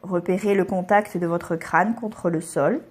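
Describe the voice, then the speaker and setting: A woman with a fairly low, breathy-edged voice leads a yoga nidra relaxation meditation. Her instructions are calm, soothing, and measured, with pauses between them.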